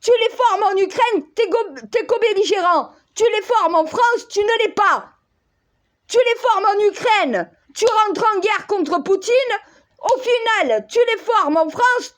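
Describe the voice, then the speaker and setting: A woman in an exasperated, agitated monologue, scolding leaders and calling on God, her voice worn hoarse. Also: extremely high pitch, expressive, measured pace, a bit bright. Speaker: self-styled spiritual counselor. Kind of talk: ranting monologue video.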